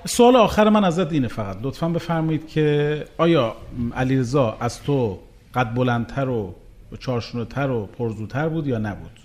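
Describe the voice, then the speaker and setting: A male interviewer of medium pitch asks question after question in a persistent, searching way. He often repeats the other person's answers back before pressing further. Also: animated, darkish tone. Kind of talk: probing interview.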